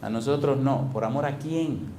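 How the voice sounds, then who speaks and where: A man's voice: mid-range voice, normal speed, mellow. A man preaching a sermon as pastor, asking the congregation questions and answering them himself. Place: church hall. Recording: echoey church hall.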